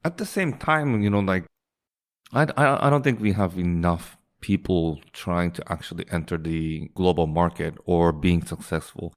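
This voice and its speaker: A low-pitched man talks at normal speed, chatting casually as a guest in an interview. He grew up in Singapore and runs a startup, and he tends to restart phrases and shift into a lighter voice to quote others.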